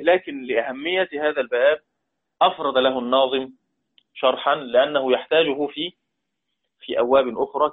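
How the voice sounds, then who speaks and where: A man's voice: a little high, slightly rough. A man with an Egyptian Arabic accent teaching a patient lesson. He repeats key words and asks his listeners to answer him. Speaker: Quran recitation teacher. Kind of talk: explanatory lesson. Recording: tinny phone-like line.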